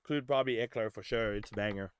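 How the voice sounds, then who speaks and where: A man's voice: fairly low pitch, quick pace, smooth, no echo, studio quality. A man hosting a live demo review stream, giving casual feedback in a loose, rambling way full of fillers and easy swearing. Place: home studio on a Discord call.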